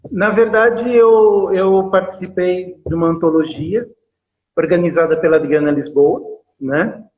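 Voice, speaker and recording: Paulistano man, high voice, tinny call. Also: fairly even intonation, measured pace. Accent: Paulistano Brazilian Portuguese. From São Paulo, Brazil. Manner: hesitant, many fillers and tag questions. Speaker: poet being interviewed. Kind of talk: casual interview over a video call. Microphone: video call. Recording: tinny phone-like call audio.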